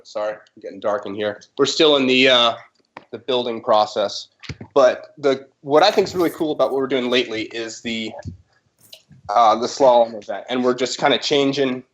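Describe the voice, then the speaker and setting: A man's voice: medium pitch, moderate pace, a bit bright, lo-fi sound. A man who helps organize a race, chatting casually and loosely over a video call, with plenty of fillers. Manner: laid-back, full of fillers. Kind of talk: casual podcast chat.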